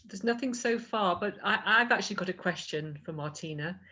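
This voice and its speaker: A woman's voice: mid-range voice, animated, fairly quick, pushed and bright, dull audio. A woman taking part in an online meeting, speaking in an appreciative way. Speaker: meeting participant.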